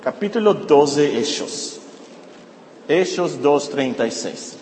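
A male pastor preaching a sermon with animated delivery, repeating phrases for emphasis. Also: on the high side, slow, slight background noise. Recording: echoey hall with faint ambience.

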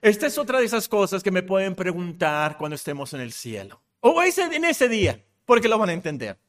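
A man preaching a sermon, emphatic, repeating key phrases and swinging from loud exclamations to hushed low tones. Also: sing-song. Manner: slows and stretches words for emphasis.

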